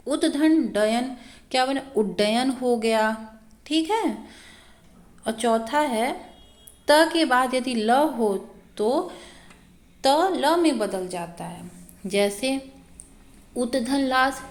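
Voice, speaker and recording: A woman teaching an exam-prep grammar lesson, patient and methodical, asking questions and answering them herself with frequent check-ins. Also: sits high. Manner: slow, patient, asks and answers own questions.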